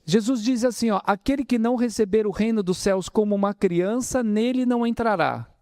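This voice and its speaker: A man's voice: high-pitched, brisk, no echo, studio quality. A man with a Brazilian accent from the São Paulo interior, giving a spiritist lecture and calling the audience brothers, with many rhetorical questions. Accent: Brazilian Portuguese, São Paulo interior. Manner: lively preaching, addresses audience as brothers, asks rhetorical questions. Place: spiritist center hall.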